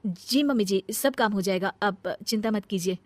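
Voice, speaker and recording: A woman's voice: medium pitch, normal speed, no room sound, lightly acted. A woman voicing a dutiful, hardworking elder daughter-in-law in a family comedy cartoon, earnest and emphatic, easily exasperated. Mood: obedient. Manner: earnest, emphatic, scolding when annoyed. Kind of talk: acted Hindi family comedy story.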